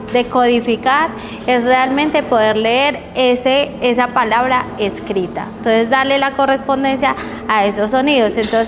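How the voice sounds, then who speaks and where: A woman leads a teacher training session, slowly modeling letter sounds and asking the group check questions. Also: high voice. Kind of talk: training workshop lecture. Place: training room. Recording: reverberant hall with faint background noise.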